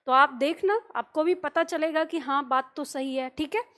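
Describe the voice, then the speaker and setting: A woman's voice: high-pitched, normal speed, fairly bright tone. A woman teaching a Hindi grammar video lesson. She keeps asking the viewer rhetorical questions and draws out vowel sounds to demonstrate them.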